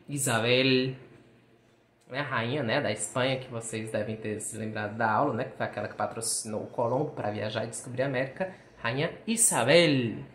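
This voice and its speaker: Patient teacher, echoey room. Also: male voice, medium pitch, fairly bright tone. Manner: patient, drawn-out demonstrations of sounds and syllables. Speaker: Spanish teacher. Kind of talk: recorded video lesson for sixth graders. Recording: roomy, echoey room sound.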